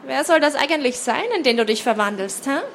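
A woman's voice: high voice, a little fast, vocal fry, a little hiss or hum. A woman reading aloud, voicing a cheeky teenage girl who teases and mocks her twin sister. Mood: teasing. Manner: teasing, mocking.

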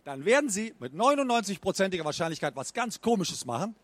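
A man giving a stage talk as a speech trainer, lively and mimicking bad speaking habits with exaggerated intonation. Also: sits high, fast talker, no echo. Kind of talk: stage talk at a book fair.

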